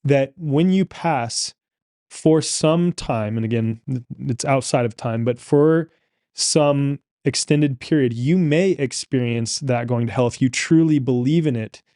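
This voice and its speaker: Man, podcast host, reflective expansive talk, warm mellow tone, dry close sound. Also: mid-range voice, a little slow, no echo. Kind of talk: conversational interview.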